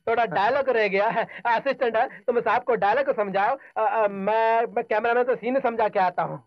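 An actor playing a male film director who flatters the star and hurries to please him. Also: very high voice, normal speed, lo-fi sound. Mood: fawning.

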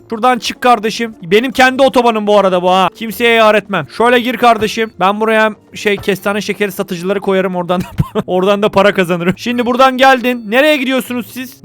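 A man giving casual gameplay commentary as a YouTuber, chatty and excitable, jokingly scolding the people in his game and dropping in English game terms. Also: high-pitched, clean tone. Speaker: gaming YouTuber.

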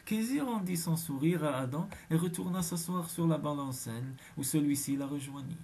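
Slightly husky male audiobook narrator. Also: on the high side, normal speed, dark tone.

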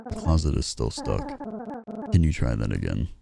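A man's voice: a bass voice, expressive, normal speed, vocal fry, over loud music, heavily acted. A man reading the lines of a scared young boy in a video game, in a pleading, anxious way. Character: frightened young boy with a harsh father.

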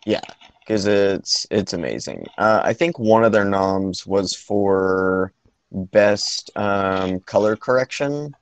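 A man chats slowly through a movie podcast, with frequent pauses and restarts. His voice sits very low and has a gravelly fry to it. The recording is dry and close. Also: animated, no room sound. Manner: hesitant, many ums and restarts. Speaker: podcast co-host. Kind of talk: casual movie podcast chat.

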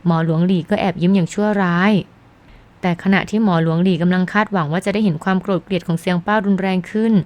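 A woman calmly narrating a novel in a scripted audiobook reading. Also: fairly low pitch, quick pace.

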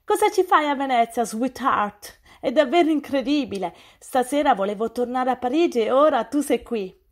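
A woman's voice: sits high, animated, moderate pace. A woman voicing an exuberant young American guy. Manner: loud, cheerful, mixes in English words. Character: exuberant big blond young American man.

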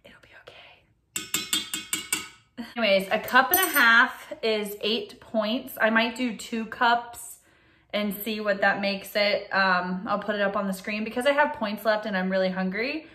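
A young woman vlogs upbeat and casually to viewers while eating in her home kitchen. Her mid-range voice is bright and forceful, at a measured pace.

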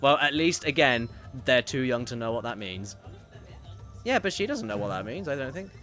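Brief: male streamer, mid-pitched, loose rambling game commentary. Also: very animated, moderate pace, pushed and bright, faint music behind. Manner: rambling, self-correcting, reads viewer messages aloud. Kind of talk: casual gameplay commentary.

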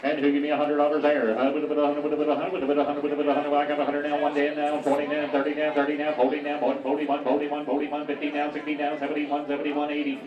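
Auctioneer guy droning numbers super fast, flat, crowd all around. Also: a little high. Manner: fast monotone bid chant. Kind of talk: auction chant. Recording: roomy distant lo-fi hall recording with crowd.

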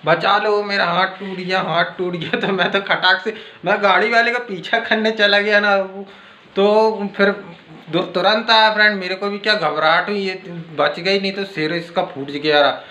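A man's voice: sits high, fairly even intonation, normal speed, bright, forceful tone, roomy sound. A man chatting casually to viewers in a home vlog, filming on his phone in the kitchen. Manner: chatty, addresses viewers as friends. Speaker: vlogger.

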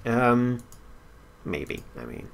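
A man's voice: mid-range voice, big pitch swings, drawn-out words, creaky, a little hiss or hum. A man giving casual gameplay commentary, thinking aloud with wry asides and now and then reading story text out. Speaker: game player and commentator.

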